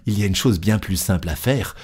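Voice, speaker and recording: A man voicing an excitable young French manservant in an audiobook reading, insistent and protesting as he keeps getting cut off. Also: lowish voice, a little fast, breathy edge. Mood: flustered insistence.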